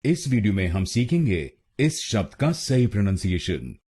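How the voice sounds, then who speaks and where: Man, pronunciation teacher, slow syllable drills, low mellow voice, lively pitch. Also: breathy edge. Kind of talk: scripted pronunciation lesson.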